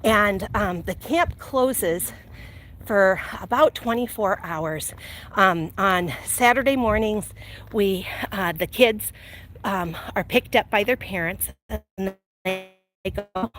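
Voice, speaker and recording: A woman's voice: medium pitch, slow pace. A middle-aged American woman tells personal stories in a casual, chatty, rambling way while walking. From Illinois, United States. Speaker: vlog host telling personal stories. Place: outdoors while walking, near traffic. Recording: steady ambient and vehicle noise.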